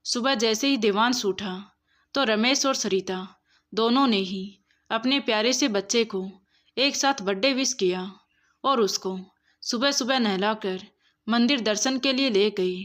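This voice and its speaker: A woman storyteller giving steady, expressive scripted narration of a moral story. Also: fairly high pitch, unhurried.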